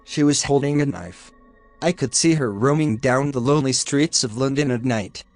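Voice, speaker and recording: A man narrating a first-person horror story in a steady, scripted storytelling delivery. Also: mid-range voice, moderate pace, no echo. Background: faint music.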